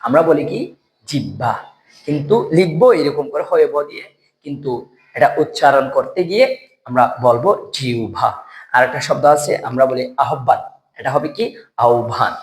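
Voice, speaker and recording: Halting man teaching a lesson. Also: a little high, low-quality recording. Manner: halting, repeats words slowly for dictation. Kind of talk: spoken lesson on pronunciation rules.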